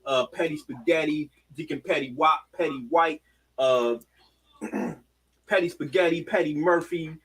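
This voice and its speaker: Husky, higher-voiced man joking around. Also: measured pace, fairly bright tone, rough recording. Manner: playful, rattles off joking nicknames. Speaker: podcast co-host. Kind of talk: casual chat. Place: basement.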